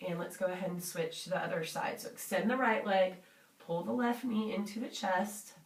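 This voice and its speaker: A woman's voice: medium pitch, normal speed. A woman leading a guided workout as a fitness instructor, encouraging and reassuring in an informal way. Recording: roomy, distant microphone.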